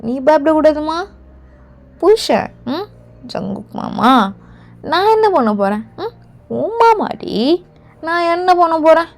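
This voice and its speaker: A woman's voice: big pitch swings, heavily acted. A woman doing a possessive ruthless king. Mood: tender. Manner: low, slow, possessive murmuring. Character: ruthless young male king, possessive and doting. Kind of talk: Tamil fan audio drama.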